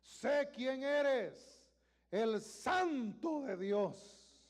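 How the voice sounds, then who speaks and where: A man preaching in a church, voicing a horde of unclean spirits with loud, drawn-out cries while reading scripture aloud. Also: sits high, big-room sound, close to an everyday voice. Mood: shrieking alarm.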